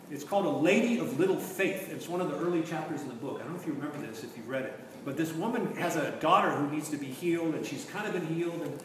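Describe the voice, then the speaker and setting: A man giving a conversational, musing lecture to a class, trailing into low asides, recorded from a distant mic in a large room. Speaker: teacher. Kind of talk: lecture on literature and faith. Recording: echoey room, distant mic, faint noise.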